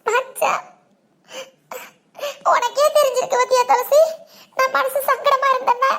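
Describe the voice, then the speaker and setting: A woman's voice: extremely high pitch, expressive, fast talker, creaky, background noise, exaggerated voice. A woman voicing a weepy lovesick village girl. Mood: tearful. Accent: southern Tamil. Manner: weepy, pleading. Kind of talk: cartoon voice acting. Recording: background music under the voice.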